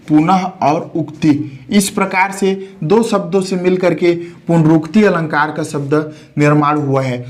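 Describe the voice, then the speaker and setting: A man teaching a grammar lesson, explaining terms step by step, repeating key words and asking rhetorical questions before answering them. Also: on the high side.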